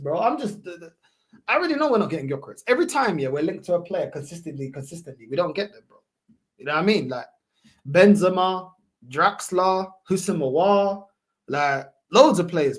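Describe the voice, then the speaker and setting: A man with a London roadman accent chatting casually as a football livestream host, slangy and repetitive with emphatic phrasing. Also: high voice. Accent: London roadman, multicultural London English. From London, England. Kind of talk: casual livestream chat, answering viewer comments.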